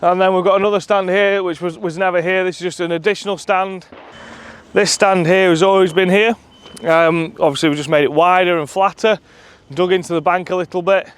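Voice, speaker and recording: A man's voice: sits high, steady tone, fairly quick, smooth. A man giving a casual walking tour of his shooting ground to a companion filming, chatty and enthusiastic with plenty of ums, a little out of breath. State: out of breath while walking uphill. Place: outdoors at a shooting ground, then inside a clubhouse. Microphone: camera held by a companion filming.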